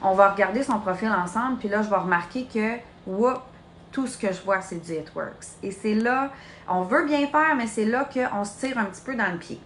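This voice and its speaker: A woman in her late twenties with a Québécois French accent coaches her sales team in a live social media training, chatty and direct, addressing the listener as "tu". Her medium-pitched voice moves at a moderate pace in a reverberant space with slight background noise.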